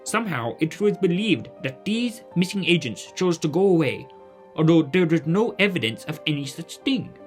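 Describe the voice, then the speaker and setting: In a family audio drama, a man plays a polite, modest genius mentor, speaking formally and hesitantly in a gentle, measured mood. His voice is a little high with big pitch swings, his speed is normal, and faint music plays behind him.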